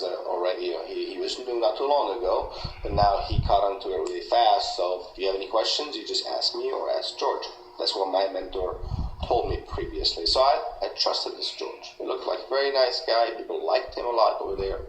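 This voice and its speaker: A man in a recorded interview, telling an aggrieved story haltingly, with many restarts. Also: low voice. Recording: echoey room with faint noise.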